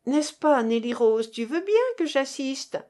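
A woman voicing a lively, curious young Polish student with rolled R's and an eager, pleading manner. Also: high voice, unhurried, pitched above the performer's own voice.

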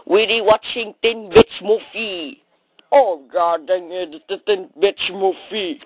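A woman's voice: mid-range voice, slow pace, no room sound, poor audio. A woman acting out an improvised comedy skit in broken English, full of exclamations and sudden switches of voice.

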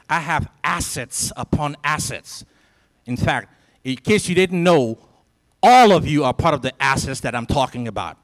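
This man in his forties, from Liberia, speaks as a symposium speaker to students in a large lecture hall, motivating them through a handheld microphone. His voice is a little high and a bit bright, and he preaches with emphatic repetition.

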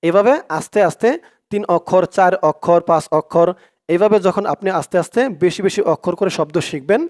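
A man's voice: high voice, brisk, a little mellow. A man teaching Quran reading in Bengali with a Bangladeshi accent, patiently spelling out and repeating each syllable. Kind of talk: slow step-by-step lesson.

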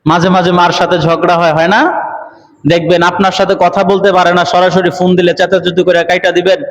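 A man's voice: sits high, little pitch movement, brisk, big-room sound, dull audio. A man with a Bangladeshi Bengali accent preaching a waz sermon, telling a story dramatically and rising into emotional wails as he acts out the quoted voices.

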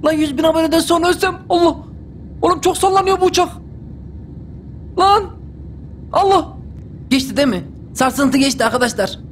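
A man doing live gameplay commentary for his channel, panicky and excitable, with loud exclamations and slangy asides. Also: extremely high pitch, moderate pace, long pauses, slight background noise. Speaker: gaming YouTuber. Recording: clear music underneath. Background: game background music.

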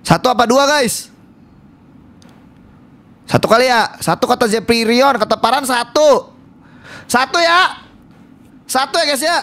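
A man streaming a horror game, talking loudly and rowdily to his chat and swearing often. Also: very high-pitched, measured pace, pauses often. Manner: loud, rowdy, swearing, addresses chat constantly. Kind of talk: live-stream gameplay commentary.

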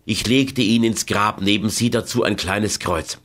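A man narrating an audiobook in the first person, with measured, dramatic storytelling. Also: fairly low pitch, fairly bright tone.

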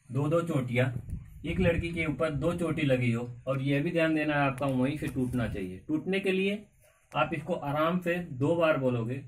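A man teaching a grammar lesson in a coaching class, slowly repeating words and asking the class questions. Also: a little high, fairly bright tone. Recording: far from mic with faint background noise.

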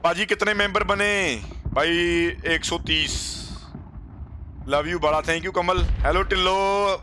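A high-pitched, bright-voiced man with a Punjabi accent hosts a casual game livestream. He talks in boisterous, slangy banter peppered with swearing. A faint noise sits behind his streaming mic. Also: slow pace. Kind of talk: casual gameplay livestream chat.

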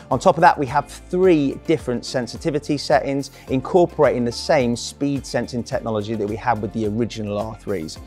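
A young man presents a product in an upbeat, colloquial walk-through at a large indoor trade show hall, speaking into a lapel mic. His mid-range voice is a little mellow.

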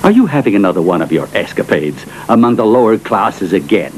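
A man's voice: on the low side, big pitch swings, a little fast, noisy background. Brief: a middle-aged snob of a father, scornful, sweeping intonation. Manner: pompous, sneering. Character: haughty rich aristocratic father, scornful and sly. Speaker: wealthy father. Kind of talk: dubbed film acting.

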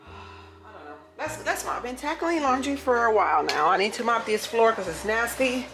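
An upbeat lifestyle vlogger from New York, in her thirties, speaks casually to her viewers while standing in her home kitchen. Her voice is a little high and expressive, moving at a moderate pace. Faint music and echo fill the kitchen, recorded by a camera close on the counter.

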